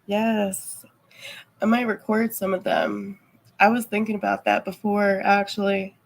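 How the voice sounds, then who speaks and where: A woman's voice: medium pitch, level tone, a little slow, vocal fry, poor audio. A woman livestreamer chatting casually with viewers, rambling and heavy on fillers. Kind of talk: casual chat.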